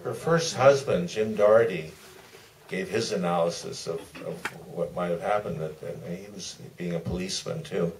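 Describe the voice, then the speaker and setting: An older, deep-voiced man speaks off the cuff as a documentary director guest on a live Q&A panel, hesitant and meandering with frequent pauses. The spontaneous discussion takes place on a theater stage, picked up by a distant mic with faint room noise.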